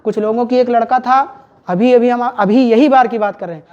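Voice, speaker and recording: A woman's voice: on the high side, brisk, a little mellow, highs cut off. A woman teacher giving a Hindi grammar lecture in a classroom, repeatedly quizzing her students and having them call back answers.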